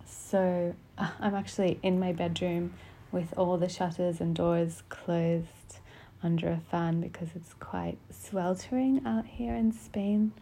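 Tender, soft-voiced woman with a creaky edge. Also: on the low side, fairly even intonation. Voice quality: soft, gentle voice. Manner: tender, gentle and unhurried. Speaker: podcast host. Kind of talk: intimate solo podcast talk. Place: small closed bedroom at home. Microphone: podcast microphone.

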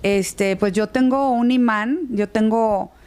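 A talkative woman hosting a casual conversation, speaking loudly as if shouting. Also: on the high side, slow pace, smooth.

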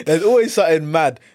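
London roadman guy, bit higher voice, slangy emphatic podcast banter, really dry sound. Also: a little mellow, dry recording. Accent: London, urban roadman slang. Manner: slangy, emphatic, repeats phrases for effect. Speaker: podcast co-host. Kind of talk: casual banter.

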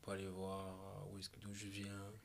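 Low-voiced reflective man from Malawi. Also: monotone, creaky, a little hiss or hum. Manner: slow and searching, with restarts. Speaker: podcast guest. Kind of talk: reflective conversation.

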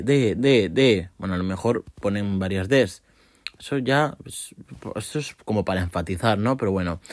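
A man's voice: medium pitch, no echo, clean studio sound. A man hosting a podcast, delivering a sarcastic, swearing comic rant. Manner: sarcastic, ranting, swears often. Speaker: podcast host. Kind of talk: casual comic monologue.

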